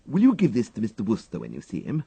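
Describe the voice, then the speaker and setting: A man's voice: lowish voice, huge pitch swings, fast, vocal fry, warm tone, breathy edge, no room sound, pitched above the performer's own voice, full character voice. A man voicing a mischievous, chattering English schoolgirl in an audiobook, with an eager, gushing manner. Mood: gleeful, eager.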